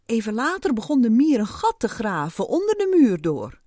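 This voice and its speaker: A woman's voice: a little high, huge pitch swings, moderate pace, warm tone, dry recording, clean studio sound. A woman narrating a children's story, reading expressively and unhurriedly.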